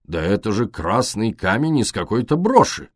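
A red-faced old army colonel in a storybook, bellowing and then muttering gruffly, as a male reader acts him out. Loud, slow, ill-tempered outbursts with lively swings of pitch. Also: no room sound, studio quality. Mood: grumbling. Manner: roaring, grumbling.

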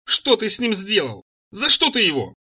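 A man's voice: huge pitch swings, moderate pace, sharp tone, breathy edge, full character voice. A man reading an audiobook, voicing a furious, hysterical young woman who shrieks accusations. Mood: tearful. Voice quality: shrill shrieking.

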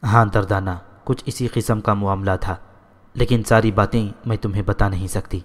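A gentle young woman of the house, read by a man in his own low voice. The lines are read calmly and evenly, as in a storybook. A long echo hangs behind them. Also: close to an everyday voice.

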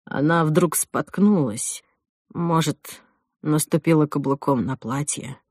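A woman reading an audiobook voices a shaken young groom, speaking low and haltingly. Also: a little mellow, no room sound, studio quality. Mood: guilty. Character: shaken young groom, guilt-ridden and soft-spoken.

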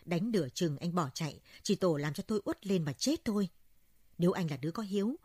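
A woman's voice: fairly low pitch, lively intonation, fairly quick, a little mellow, slightly rough, dry recording, clean studio sound. A woman voicing an old village healer father, sobbing and muttering, in a told folk story. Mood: weary.

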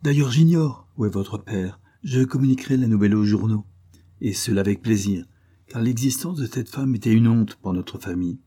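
A man's voice: lowish voice, normal speed, mellow. A man voicing a haughty, scornful aristocratic countess, cold and cutting toward her son in a storybook reading. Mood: angry.

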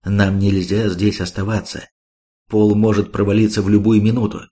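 A man reading the part of a blunt, sharp-tongued male warrior in an audiobook. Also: on the low side, little pitch movement, normal speed, natural voice.

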